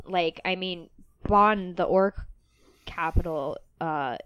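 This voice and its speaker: A woman's voice: on the low side, slow pace, a bit bright, clean tone, muffled recording. A woman game master chatting enthusiastically about her tabletop campaign's world.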